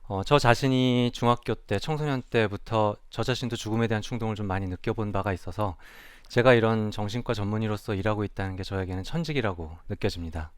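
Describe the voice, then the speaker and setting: A man's voice: fairly low pitch, fast, smooth, dry recording, studio quality. A man who is a child and adolescent psychiatrist, giving a reflective, earnest public talk on stage and asking the audience questions. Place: stage before a live audience.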